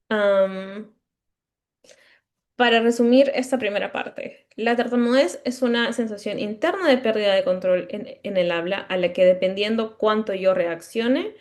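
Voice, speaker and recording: Her voice is medium-pitched and a little mellow. Lecturing at a conference as a speech-language pathologist, this woman, who stutters, explains things step by step, sometimes restarting mid-word and pausing to check understanding with the audience.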